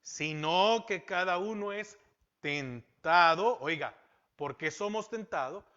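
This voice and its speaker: Male pastor, sermon delivery, rhetorical questions, bright forceful tone, lo-fi recording. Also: high voice, measured pace. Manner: asks rhetorical questions and repeats key phrases. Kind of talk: Bible-teaching sermon. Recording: dull lo-fi sound.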